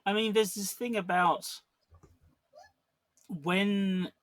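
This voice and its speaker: A man's voice: high voice, fairly even intonation, extremely slow, a bit bright, no echo. A man co-hosting a podcast, talking casually about a film with frequent restarts and fillers. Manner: rambling, many restarts and fillers. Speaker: podcast co-host.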